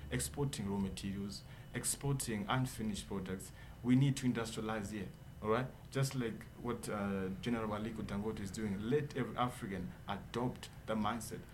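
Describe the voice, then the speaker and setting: A man's voice: lowish voice, normal speed, hardly any pauses, a little hiss or hum. A man, a guest in a radio studio interview who speaks earnestly and keeps checking in with "all right?". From Zimbabwe. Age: 20s. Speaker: guest entrepreneur.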